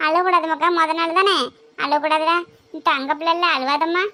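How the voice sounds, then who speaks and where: A woman's voice: very high-pitched, fairly even intonation, fairly quick, background noise. A woman playing an anxious, doting mother who coaxes her son and fusses over him. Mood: coaxing. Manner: coaxing, fussing and pleading.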